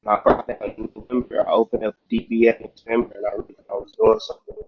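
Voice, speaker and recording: A man calling in on a glitchy phone line that keeps breaking up, asking questions in a halting, polite way with restarts. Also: mid-range voice, wildly swooping pitch, gravelly. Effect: glitchy, choppy phone line that keeps breaking up. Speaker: caller. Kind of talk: casual call-in question. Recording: muffled, breaking-up phone call.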